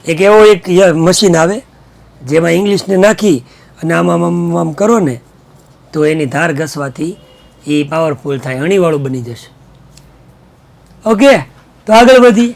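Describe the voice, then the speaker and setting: A male teacher giving an animated online class, mixing in Hindi and English and getting students to call out answers. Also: on the high side, measured pace, gravelly, long pauses.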